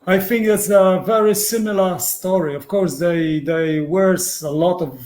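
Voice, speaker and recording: A man from Poland with a Polish accent, a psychotherapist speaking English as a second language, telling his story over a video call with many pauses and restarts. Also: high voice, a little mellow. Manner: hesitant, many fillers and restarts. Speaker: guest psychotherapist. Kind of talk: casual interview.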